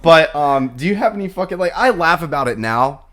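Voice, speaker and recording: On a podcast, a young male co-host in his twenties briskly recounts a story in a fairly high voice. He swears a lot, laughs often, and keeps the telling lively and casual.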